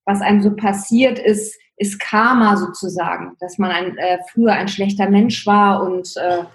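A woman's voice: mid-range voice, steady tone, normal speed. A woman speaking as an interview guest in casual conversation, reflective and thinking aloud with many fillers. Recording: roomy echo.

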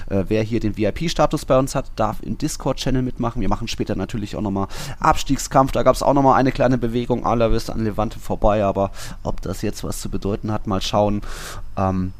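A football podcast host with a lowish, darkish voice goes over results and statistics, listing them out in detail.

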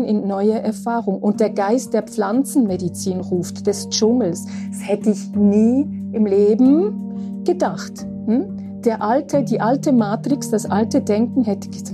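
A woman of nearly sixty, hosting a spiritual podcast, talking slowly and reflectively and often checking in with a soft "ja?". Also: mid-range voice. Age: 50s. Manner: slow, reflective, with frequent asking "ja?". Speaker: podcast host.

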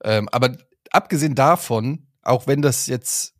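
A man's voice: mid-range voice, measured pace, no echo, studio quality. A man co-hosting a casual podcast, playful and self-mocking, who drifts into jokes. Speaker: podcast co-host. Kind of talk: casual chat.

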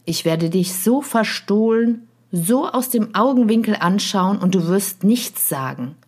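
A woman voicing a gentle, wistful male fox in a storybook reading, talking in an earnest, pleading manner. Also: mid-range voice, expressive, a little slow, slightly rough.

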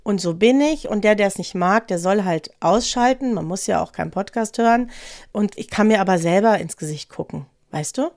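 Female podcast co-host in her fifties, mid-pitched voice, dry studio sound, frank and emphatic. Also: brisk, a little mellow, no room sound. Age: 50s. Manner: direct, emphatic, conversational. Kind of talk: casual discussion.

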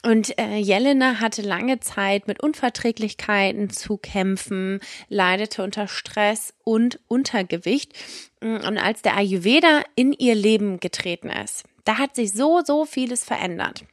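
A woman's voice: medium pitch, measured pace, no room sound, clean studio sound. A woman podcast host giving a personal, effusive introduction, repeating words for emphasis.

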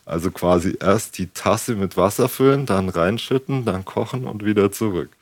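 A man's voice: lowish voice, normal speed. A man giving practical explanations in conversation as an energy consultant. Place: on location in a home kitchen.

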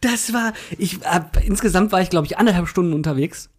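A man, telling a funny anecdote as a podcast co-host, animated and full of laughs. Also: sits high, a little fast, slightly rough. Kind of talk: casual storytelling chat.

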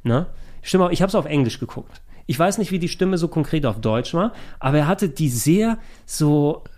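A man's voice: fairly high pitch, animated, moderate pace, darkish tone. A man chatting as podcast host, enthusiastic and rambling. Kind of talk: casual chat.

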